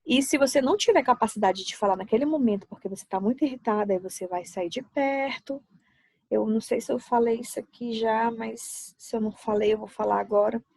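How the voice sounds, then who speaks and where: Woman, relationship-advice talk into a laptop on her lap, somewhat high voice, friendly. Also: a little fast, vocal fry, a little mellow, husky, no echo. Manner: friendly, explains with everyday examples. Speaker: psychological support speaker. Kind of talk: casual advice talk to camera.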